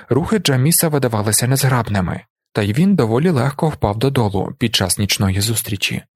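A man narrating an audiobook with a steady, even reading. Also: on the low side, dry recording, clean studio sound. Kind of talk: scripted narration.

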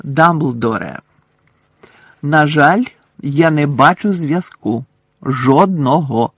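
A man with a gravelly, husky voice reading a story aloud and playing a pompous, defensive middle-aged male minister of magic in a blustering, dismissive way. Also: a little high, takes it slowly, no echo, exaggerated voice.

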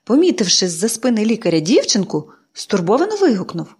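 A woman's voice: mid-range voice, sing-song, a little fast, darkish tone, husky. Woman reading a novel aloud. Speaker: audiobook narrator. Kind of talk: scripted narration.

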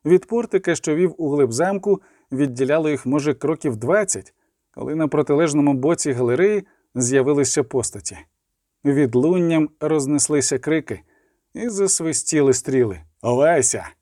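Male audiobook narrator, fantasy, mellow warm tone, dry close studio sound. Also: a little high, lively intonation, moderate pace, dry recording.

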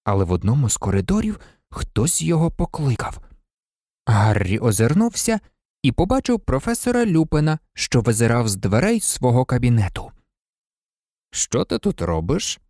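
A man narrating an audiobook in a theatrical, expressive way. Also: medium pitch, no echo, studio quality. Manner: theatrical, varied.

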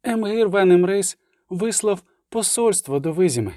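Dandelion, a man doing an excitable raised voice. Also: sits high, moderate pace, no room sound, studio quality, pitched above the performer's own voice. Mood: agitated. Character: talkative, excitable man bringing grim news.

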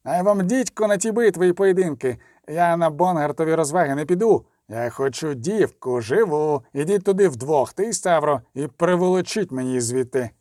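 A haughty, scornful nobleman, as a male narrator puts him on, indignant and raised in pitch. The dry, close recording reads like a storybook. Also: animated, normal speed, few pauses, warm tone, no room sound, natural voice.

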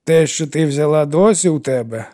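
A man's voice: a little high, normal speed, a little mellow, voice pushed up, natural voice. A man voicing an older woman who scolds and mothers a troubled girl in an audiobook. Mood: stern. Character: older woman, stern yet kindly widow.

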